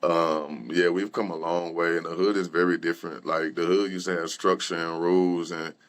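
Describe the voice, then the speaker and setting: A man's voice: sits low, flat delivery, moderate pace. A young man, a rapper and guest, telling his personal story candidly in loose conversational talk with many fillers and restarts. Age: young adult.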